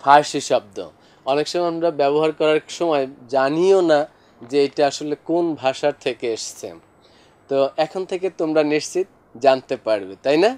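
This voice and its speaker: A man's voice: fairly high pitch, normal speed, a little mellow. A male teacher giving a classroom lesson, speaking to students directly and listing examples one after another. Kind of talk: classroom lesson explaining vocabulary.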